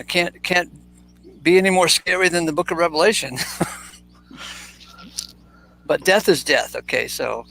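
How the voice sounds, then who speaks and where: A man's voice: a little high, gravelly, a bit bright. A man in his sixties hosting a casual chat, talking bluntly and with energy, swearing freely. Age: 60s. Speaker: host.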